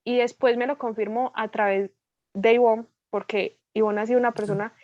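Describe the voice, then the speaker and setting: Colombian woman guest speaker, higher register, lively storyteller, dry muffled recording. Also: normal speed, no echo. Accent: Colombian Spanish. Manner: lively storytelling, acting out dialogue. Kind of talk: testimony in a prayer meeting.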